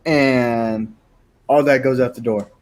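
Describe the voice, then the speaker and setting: A man's voice: mid-range voice, steady tone, takes it slowly. A man on a podcast panel, talking indignantly in rhetorical questions and swearing now and then. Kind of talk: casual podcast chat.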